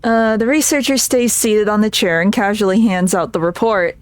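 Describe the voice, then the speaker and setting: A woman's voice: medium pitch, fairly even intonation, moderate pace, clear, resonant tone, no room sound. A woman streamer reading game text aloud on stream, casual and giggly, tripping over words now and then.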